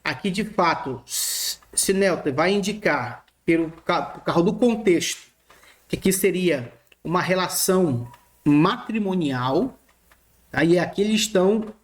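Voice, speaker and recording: A man's voice: sits high, expressive, a little slow. A man teaching Greek grammar in a recorded lesson, repeating his points and often checking in with the class while he points at written text.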